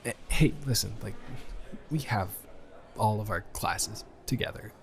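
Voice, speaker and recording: A shy outcast schoolboy in a romantic audio drama, voiced by a man, tripping over his words in a slightly low voice. He stutters, restarts and hedges as he talks, nervous and awkward, recorded close to the mic. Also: a little slow, vocal fry, slight background noise. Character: anxious shy new boy at school, outcast. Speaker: audio roleplay performer. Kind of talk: romantic audio role-play.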